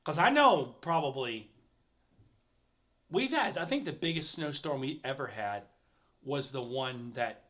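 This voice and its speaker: A middle-aged man hosting a casual livestream chat, animated and reading viewer comments aloud. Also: medium pitch, unhurried, pauses often. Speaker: host.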